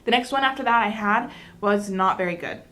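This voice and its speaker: A woman's voice: mid-range voice, a little fast, sharp tone. A woman hosting a mukbang, chatting casually to viewers between bites of food. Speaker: mukbang host. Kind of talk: casual eating-show chat.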